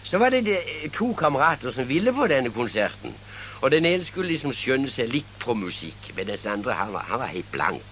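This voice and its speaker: An older man with a Southern Norwegian accent spins comic yarns in a lively voice that rises and falls. He keeps chuckling at his own punchlines and stumbles over restarts, with a faint hiss behind him. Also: mid-range voice. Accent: Southern Norwegian, Kristiansand area. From Southern Norway. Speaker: storyteller. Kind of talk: humorous anecdote telling.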